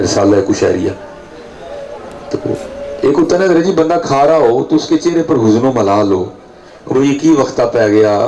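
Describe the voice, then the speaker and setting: A man's voice: dark tone, poor audio. A man delivering a devotional sermon to a gathering, telling stories, and checking in with the listeners as he goes. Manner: storytelling, rising pitch for emphasis, frequent "theek hai ji" checks. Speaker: preacher. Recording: crowd heard behind voice. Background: audience at a night gathering.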